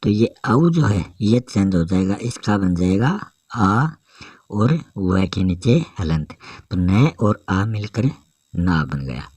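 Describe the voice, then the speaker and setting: A man teaching a grammar lesson, explaining each step slowly and carefully. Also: low-pitched, darkish tone, no room sound.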